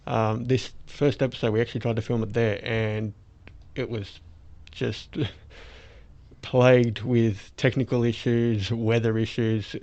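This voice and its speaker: This toothless Australian man speaks slowly and flatly in a medium pitch, casually rambling as a podcast host. His soft-edged words pass through a face mask, and the audio has a dull, lo-fi quality.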